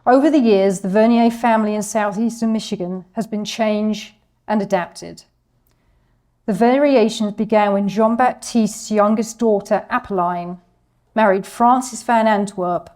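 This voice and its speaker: Presenter, female, reads a scripted history talk in a warm, mellow voice. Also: mid-range voice, a little slow. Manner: reads from a script, apologizes for her French pronunciation.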